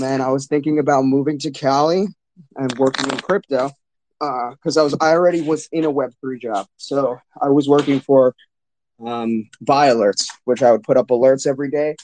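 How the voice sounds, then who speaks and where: A man's voice: mid-range voice, fairly even intonation, normal speed, darkish tone, slight background noise, low-quality recording. A man hosting a casual, hyped live talk show in frat bro slang, swearing freely. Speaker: crypto show host.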